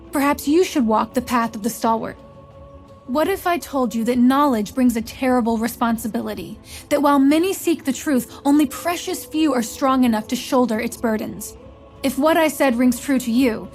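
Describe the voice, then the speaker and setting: This high-voiced woman performs scripted lines for a fantasy game as a solemn, commanding visionary mentor gathering chosen leaders. She speaks in a measured, portentous, rhetorical manner.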